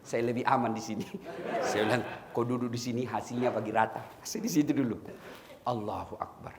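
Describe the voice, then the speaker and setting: A mid-range, slightly fast voice belongs to a middle-aged preacher with a Makassar accent. He delivers a comic sermon full of stories, speaking directly to listeners as "Pak," over a faint hiss or hum.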